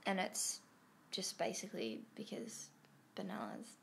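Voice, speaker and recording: Nasal, gravelly woman. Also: medium pitch, very animated, unhurried, a bit bright, a little hiss or hum. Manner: easygoing, thinks aloud as she talks. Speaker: guest musician. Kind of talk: casual chat.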